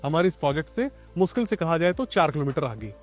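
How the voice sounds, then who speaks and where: A man hosting an outdoor property tour, explaining things clearly and addressing viewers as friends. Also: fairly high pitch, very animated, fast, soft background music. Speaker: property video host. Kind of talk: on-site property tour interview. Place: outdoors at a plot site.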